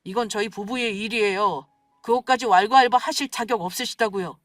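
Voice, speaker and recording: A woman's voice: medium pitch, fairly quick, no echo, clean studio sound, close to an everyday voice. Woman voicing an earnest young husband. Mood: defensive. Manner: firm, pleading, defensive. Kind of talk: scripted radio story acting.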